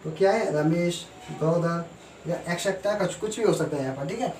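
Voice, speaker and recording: A man teaching a grammar lesson, who explains slowly and asks and answers his own questions. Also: a little high, darkish tone. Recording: echoey room, voice from far off, faint noise.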